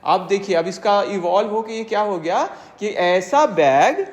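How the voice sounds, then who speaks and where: A teacher in a steady lecture mode, spelling out each definition slowly before unpacking it. Tag questions keep coming to make sure everyone is following. The voice sits at an ordinary pitch, and a long reverb trails after every phrase. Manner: reads English definitions slowly, then explains them in Hindi; checks understanding with frequent tag questions. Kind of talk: exam-prep classroom lecture. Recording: long reverb, echoey room.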